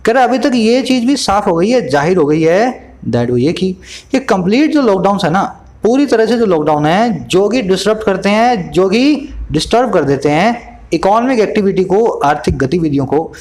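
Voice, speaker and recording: A man with a high voice teaching English from the newspaper. He has an Indian accent. He reads the English sentences slowly, then explains the vocabulary with lists of synonyms and quick questions to the learner. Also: expressive, darkish tone. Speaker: English tutor.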